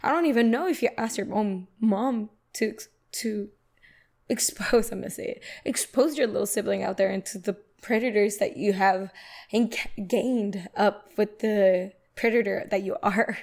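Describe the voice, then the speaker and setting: Gravelly-voiced woman reacting animatedly. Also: mid-range voice, measured pace. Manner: animated, talks back to the video, laughs often. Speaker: reaction video host. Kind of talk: casual reaction commentary.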